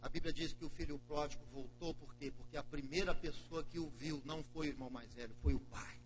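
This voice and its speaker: A pastor preaching in a church, telling the story dramatically in a notably high voice. A faint hum sits beneath the recording. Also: male voice, steady tone, brisk, rough recording. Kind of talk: sermon.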